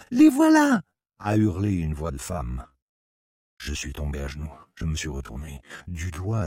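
A man with an extremely deep voice reads a first-person story aloud in a measured, somber way. The recording is dry and close, with no room sound. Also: mellow, no echo. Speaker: narrator. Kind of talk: first-person audiobook narration.

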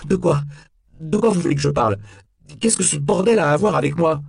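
A man voicing a nervous, defensive suspect who stammers and bursts out in shrill panic in an audiobook. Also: lively intonation, a little fast, vocal fry, warm tone. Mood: panicked. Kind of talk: audiobook character voice.

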